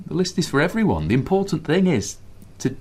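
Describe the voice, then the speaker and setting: This actor's voice is slightly high and a little mellow, with a breathy edge, big pitch swings and a full character performance. He plays a greying husband and father in a radio drama who begins wry and grumbly before becoming eagerly inspired, briskly rallying his family with a plan.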